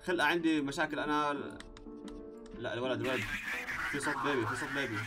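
A man playing a horror game on his channel, swinging from calm muttering to panicked yelling. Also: medium pitch, fast, music in the background. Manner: frantic, shouting in panic, then muttering calmly while sorting. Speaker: gaming YouTuber. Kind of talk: horror game let's play commentary.

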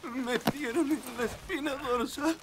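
An actor voicing a badly wounded young soldier in a dubbed war film, crying and pleading. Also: male voice, very high-pitched, a little slow, noisy background. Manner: pleading, panicked.

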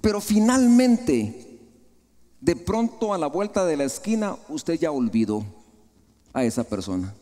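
A man with a Guatemalan Spanish accent preaching a sermon, rising high, then dropping to soft, low asides. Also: sing-song, unhurried, pauses often. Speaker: pastor. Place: large church hall. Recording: long hall reverb.

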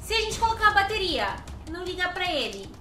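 A woman's voice: very high-pitched, very animated, fast talker, sharp tone. A young woman with a Brazilian accent gives playful, exclamatory gameplay commentary with dramatic reactions. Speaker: gaming video host. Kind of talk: excited gameplay commentary with friends. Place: small indoor gaming room. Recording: roomy echo, game music behind. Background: video game music.

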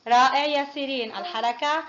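With a high, fairly bright voice and a quick pace, a woman teaches phonics to her kindergarten class. She questions each child in turn with patience and praises their answers, captured in muffled, lo-fi audio with a bit of noise.

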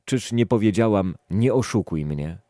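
A man reading an earnest, devout wealthy woman's words in a plain, measured way, in his own low voice. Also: lively intonation, mellow, no room sound, clean studio sound, lightly acted.

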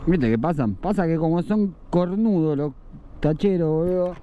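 A man's voice: on the high side, normal speed, dull audio. A young man with a Buenos Aires accent, riding a motorcycle through city traffic and joking and swearing as he talks to the camera. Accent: Buenos Aires Spanish. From Argentina. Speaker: motovlogger. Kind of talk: casual riding commentary. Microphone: helmet-mounted action camera.

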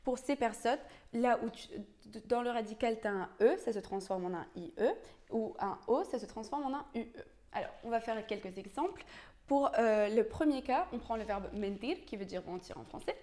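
Speaking French, this young language teacher walks through Spanish verb conjugations in a relaxed, patient manner, with frequent pauses and false starts. Her pitch is fairly high and slightly mellow.

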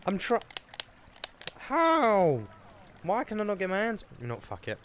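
A young man, chatting casually while playing a game, swearing a lot and breaking into excitable outbursts. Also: high voice, measured pace, slight background noise. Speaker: gaming host. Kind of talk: casual gameplay chat.

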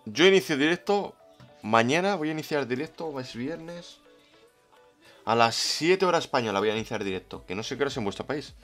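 Brief: man, Spain Spanish accent, playful game streamer reading his chat, middle pitch, faint music underneath. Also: lively intonation, fairly quick, fairly bright tone. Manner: chatty, playful, greets viewers by name. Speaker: livestreamer. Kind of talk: casual livestream chat, reading the chat.

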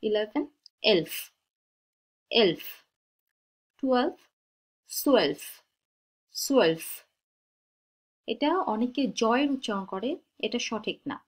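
Slow, deliberate woman teaching German. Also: fairly high pitch, expressive. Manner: repeats each word twice, slow and deliberate. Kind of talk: slow-paced language lesson.

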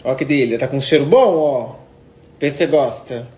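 A young man from Brazil talks in casual stories on his phone at home. He is chatty and expressive and coos affectionately at a pet. The room echoes clearly around his mid-pitched voice. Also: normal speed, a little hiss or hum. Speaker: influencer. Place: indoors at home, apartment rooms.

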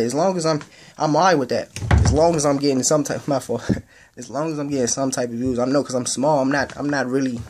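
A man's voice: medium pitch, darkish tone. A young man hosting his own gaming channel, giving a rambling casual update in loose slangy speech that repeats itself. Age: young adult.

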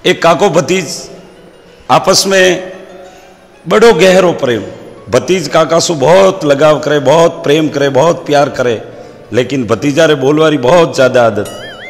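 A comedian with a Rajasthani accent tells folksy comic stories in a fairly high male voice. He quotes proverbs and voices his characters. A long hall reverb hangs on his words. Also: unhurried.

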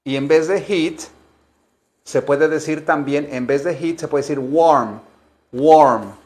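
A man gives an English lesson to Spanish speakers in a slightly high, unhurried voice. He keeps urging the class to repeat after him. He slows down to stress each English word. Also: darkish tone. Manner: coaxing, repeats words for students to echo. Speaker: English teacher.

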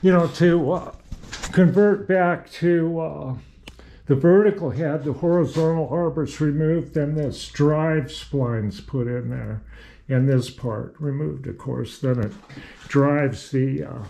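An older man talks slowly through a workshop demonstration, his voice mellow and a little higher than most men's. He rambles in a folksy way, full of fillers and restarts. He is recorded indoors in a small, cluttered home machine shop. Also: creaky, slight background noise.

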